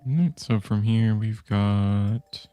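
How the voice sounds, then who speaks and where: A man co-commentating a live card game tournament in a chatty way, full of quick interjections and agreement. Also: on the low side, steady tone, dark tone, clear, resonant tone, no echo, faint music behind.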